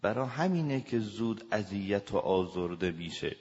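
Man, family counselor, lecture, fairly low voice, acts out dialogues, long hall reverb. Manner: lively, acts out little dialogues with shouted voices. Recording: dull lo-fi recording with long reverb.

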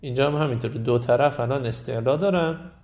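A man teaching Quran recitation, saying single words slowly and then explaining quickly. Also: mid-range voice, darkish tone. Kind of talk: tajwid pronunciation lesson.

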